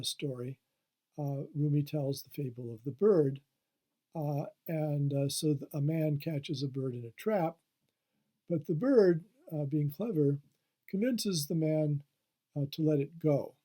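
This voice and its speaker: A man's voice: fairly high pitch, unhurried, warm tone. A man, a history professor, giving a recorded lecture, hesitant with many fillers and restarts.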